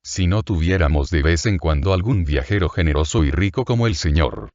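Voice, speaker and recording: A man's voice: low-pitched, lively intonation, a little fast, darkish tone, dry recording, highs cut off. A man reading as a wheedling greedy innkeeper woman. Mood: lamenting. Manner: plaintive, wheedling, fawning. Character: scheming, whining middle-aged female innkeeper.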